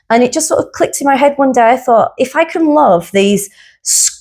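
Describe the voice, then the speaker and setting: Woman guest, psychotherapist, candid and earnest, mid-pitched voice, steady personal storytelling. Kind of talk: personal reflective conversation.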